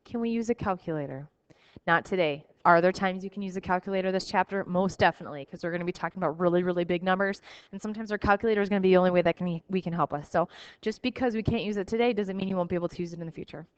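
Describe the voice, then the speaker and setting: A woman's voice: on the low side, fairly even intonation, rapid-fire, clear, resonant tone, lo-fi sound. A woman teacher explaining math problems to her class, talking through each step aloud in a recorded lesson.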